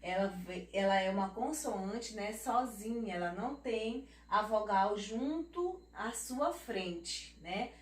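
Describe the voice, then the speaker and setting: A Brazilian woman teaching young children, spelling words out slowly and checking in with them, recorded off-mic in an echoey room. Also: mid-range voice, expressive, far from the mic. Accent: Brazilian Portuguese. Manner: slow, drawn-out word spelling with tag questions; affectionate teacher talk, calls herself auntie. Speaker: primary school teacher. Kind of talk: children's lesson.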